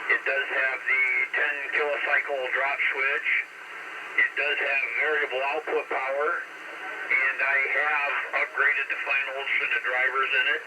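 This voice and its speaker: A man's voice: medium pitch, level tone, a little slow. A man chatting casually over a CB radio from his home garage station, rambling in a folksy way with lots of fillers and restarts. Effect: heard over CB radio. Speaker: CB radio operator. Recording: distant CB radio signal, heavy static.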